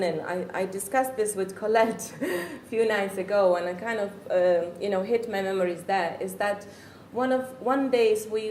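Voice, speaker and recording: In an echoey room with faint background noise, a middle-aged woman from the Czech Republic offers a reflective, earnest account of her experience as a parent, pausing to find the right words. She is a native Czech speaker with a Czech accent, and her medium-pitched voice sounds a little mellow.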